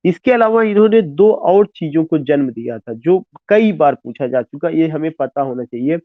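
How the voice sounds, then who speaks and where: A man's voice: fairly high pitch, animated, moderate pace, no room sound. A man with an Indian accent giving an exam-prep literature lecture, switching between Hindi and English, repeating points and spelling words letter by letter. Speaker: teacher. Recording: tinny phone-like dry sound.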